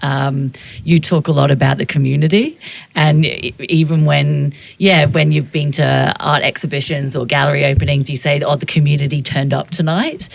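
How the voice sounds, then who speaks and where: A photographer and educator reflects in an interview, thoughtfully searching for words and often restarting. His voice is slightly high and creaky, with fairly even intonation and a moderate pace, captured in a dry recording.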